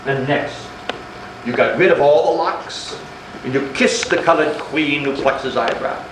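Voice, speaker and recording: An actor with a fairly high, natural voice and measured pace plays a sarcastic, menacing married middle-class man in a stage play, needling theatrically in an intense, accusing mood. The live stage recording is echoey, distant and noisy.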